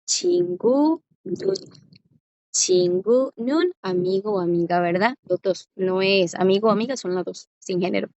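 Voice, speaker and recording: A Korean language teacher from Costa Rica speaks in a mid-range, slightly mellow voice, patiently drawing out example words and spelling them with rising checks that her students are following. The recording is close, dry and a little muffled, with no room sound.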